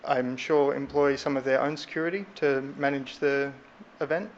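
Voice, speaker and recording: Man, measured and halting public questioner, flat delivery, muffled audio with faint noise. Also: medium pitch. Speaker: licensed business representative questioning council. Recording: dull, faintly noisy meeting room audio.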